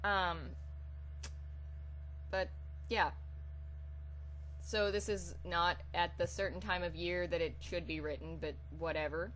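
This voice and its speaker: Slow and pausing often, this woman speaks in a lowish, fairly bright voice with fairly even intonation. After a casual intro, she reads comic fan fiction aloud in a dramatic storytelling style. The audio is poor, with hum and hiss audible.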